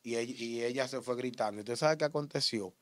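A man with a Dominican accent giving an interview testimony in street slang, acting out shouts and gunshots as he tells it. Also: mid-range voice, brisk, no echo. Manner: animated, acts out shouts and gunshots.

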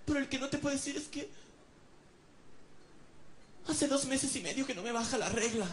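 A man's voice: extremely high pitch, voice pushed up. A man voicing a dramatic young girlfriend who sighs and drags out her words. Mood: coy sighing. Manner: sighing, drawn-out "ay". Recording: roomy stage with audience noise.

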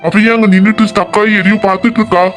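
A man voicing a young husband in an animated family drama, hurried, alternately coaxing and scolding his crying wife. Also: sits high, music in the background, lightly acted. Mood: impatient coaxing. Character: young husband, impatient and embarrassed.

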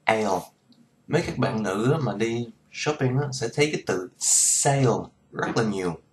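A man's voice: medium pitch, lively intonation, background noise. A man, a native Vietnamese speaker, casually teaching English pronunciation and repeating each model word several times. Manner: slow, repeats model words many times. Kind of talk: casual pronunciation lesson vlog.

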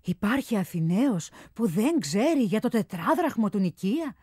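A woman's voice: mid-range voice, big pitch swings, a little mellow, slightly rough, no room sound, clean studio sound. A woman voicing an absent-minded young Athenian man who frets and wonders aloud in a storybook reading. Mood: puzzled.

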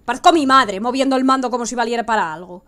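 A young woman with a Spanish accent giving excitable live gameplay commentary, swinging from hushed coaxing to sudden shrieks. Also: fairly high pitch, fast talker. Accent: Spain Spanish. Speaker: gaming streamer.

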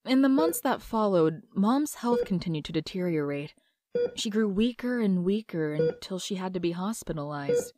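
A woman's voice: lowish voice, lively intonation, normal speed, mellow, close to an everyday voice. A woman voicing Mary Jane, a fiery but guarded young woman, telling her story in a heartfelt, confessional way in a comic dub. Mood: wistful. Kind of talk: comic dub narration and dialogue.

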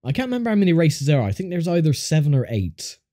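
A very animated, fast-talking man with a slightly high, mellow voice sounds stuffed up from a sinus infection. The gaming YouTuber keeps up a dry, wry, casual commentary on his racing game as game music plays.

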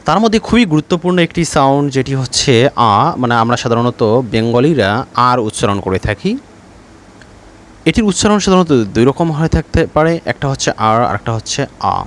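A man teaching English pronunciation in a spoken lesson, hesitant with fillers, repeating example words slowly. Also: medium pitch, big pitch swings.

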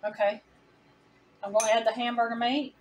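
A woman's voice: a little high, little pitch movement, moderate pace, distant mic, heavy background noise. Folksy woman in a home kitchen. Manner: folksy, chatty, says "y'all" to viewers. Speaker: home cooking channel host. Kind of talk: casual cooking demonstration.

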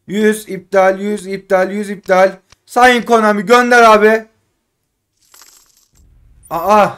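High-voiced man pleading over game packs. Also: fairly even intonation, slow, clean tone. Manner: frustrated pleading and grumbling, swings between loud and muttered. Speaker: gaming streamer. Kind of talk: casual live commentary while opening game packs.

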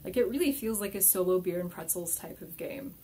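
A young adult woman playing a solo board game and then reviewing it. She mutters quietly while she plays and turns chatty and upbeat when she reviews. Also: fairly low pitch, expressive, brisk, a little hiss or hum.

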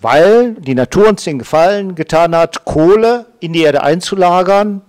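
A man's voice: high voice, animated, moderate pace, darkish tone, dry recording. A man in his fifties speaking on a panel with a handheld mic, explaining with tag questions and stammered repeats. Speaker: professor, panel guest. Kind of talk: panel discussion. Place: small event studio with glass wall.

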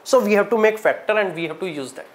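A man's voice: sits high, animated, quick pace, a bit bright. A man in his thirties with a North Indian accent, teaching aptitude problems step by step in short, repeated, emphatic phrases. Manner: instructional, short broken phrases with repetition and emphasis. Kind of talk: classroom lesson, solving problems step by step. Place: indoor teaching studio in front of a digital board.

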